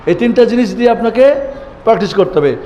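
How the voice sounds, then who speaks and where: High-voiced man teaching in an echoey hall. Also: animated, fast talker, dark tone, highs cut off, slight background noise. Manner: asks questions and answers them himself, repeats key words. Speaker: Quran reading teacher. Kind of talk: classroom lesson. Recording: echoey hall with faint ambience.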